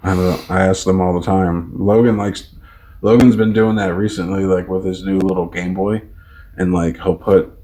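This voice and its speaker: A man in his thirties with a very low, deep voice, chatting casually as a podcast co-host. He rambles through his points with plenty of fillers and restarts. He often acts out conversations in a louder voice. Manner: rambling, filler-heavy, mimics kids loudly. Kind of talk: casual chat.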